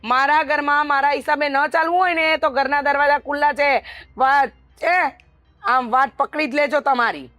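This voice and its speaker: A woman acting out a domineering middle-aged mother-in-law in a family drama, scolding loudly and mocking at every turn. Her voice sits high and bright with a sharp edge. It is recorded close and dry, without echo. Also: steady tone, moderate pace.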